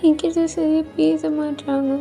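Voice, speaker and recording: A woman plays a heartbroken young man in a storybook reading, his voice pitched high and pleading as he sobs out each slow word. The tone stays soft and mellow, with faint music underneath. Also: level tone, vocal fry. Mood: tearful pleading. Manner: sobbing, pleading, slow drawn-out words.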